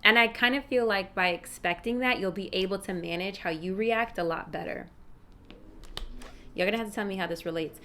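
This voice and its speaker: A woman's voice: medium pitch, a little fast, bright, forceful tone. A woman giving a casual fortune-telling tarot reading, speaking familiarly and directly to the listener with emphatic advice, with street noise behind her. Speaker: tarot reader, fortune teller. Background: rush-hour street noise.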